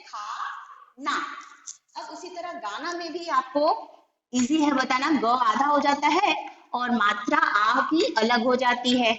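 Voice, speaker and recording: Her fairly high voice sounds pushed and bright as she patiently teaches, breaking down each word into individual letters and vowel signs. The room is echoey, with a little background noise.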